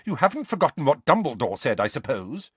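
A man's voice: fairly high pitch, very animated, fairly quick, fairly bright tone, breathy edge, no echo, voice pushed up, exaggerated voice. A man reading an audiobook and voicing a stern, protective middle-aged mother who speaks sharply and scolds. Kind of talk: audiobook character voice.

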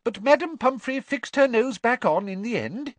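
A brisk, no-nonsense woman teacher fills the storybook with bossy orders, as a male reader voices her. The voice sits far above a man's natural register and swings widely in pitch. It is close and dry, with no room around it. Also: animated, dry recording. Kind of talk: audiobook character voice.

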